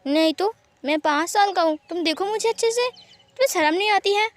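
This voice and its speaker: A woman's voice: very high-pitched, brisk, faint music behind, pitched above the performer's own voice. A woman voicing a grown man who talks and whines like a five-year-old boy, in a fan fiction reading. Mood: childish. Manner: whiny, sobbing over a broken toy.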